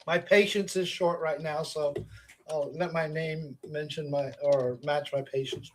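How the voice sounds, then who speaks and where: Higher-voiced man joking on a call. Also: fairly even intonation, measured pace, slight background noise. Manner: joking, teasing. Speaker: study participant. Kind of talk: casual discussion.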